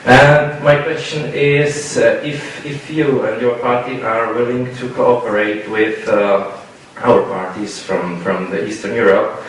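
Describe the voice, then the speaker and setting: A man with a Czech accent asking a question from the audience, halting and searching for words in English. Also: mid-range voice, flat delivery, slight background noise. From Czech Republic. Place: debate hall. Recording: echoey hall, mic at a distance.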